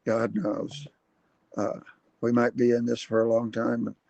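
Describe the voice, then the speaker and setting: A man in his seventies hosting a casual livestream from his computer at home, rambling and halting with many fillers. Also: mid-range voice, completely flat delivery, creaky, darkish tone, dry recording. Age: 70s. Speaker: livestream host. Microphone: computer webcam mic.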